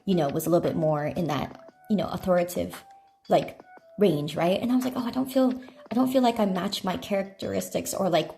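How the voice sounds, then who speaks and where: In an echoey indoor room at night, a woman livestreams over her phone mic, chatting rambly while eating snacks. Her voice carries vocal fry and is a little mellow, and she says her speaking voice is on the deeper side.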